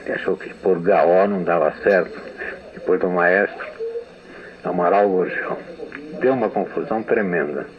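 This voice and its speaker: In an old radio archive with narrow, phone-like sound, a low-pitched older man from São Paulo state, Brazil, gives testimony as an interviewed writer. His Brazilian Portuguese accent colors a meandering recollection of memories, and he often restarts his sentences.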